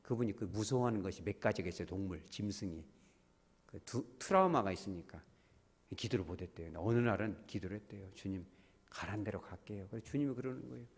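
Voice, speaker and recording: Animated pastor preaching in a reverberant church. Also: male voice, lowish voice, quick pace, husky. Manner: animated, acts out little quoted dialogues; calls on the congregation directly. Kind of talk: sermon. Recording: long church-hall reverb.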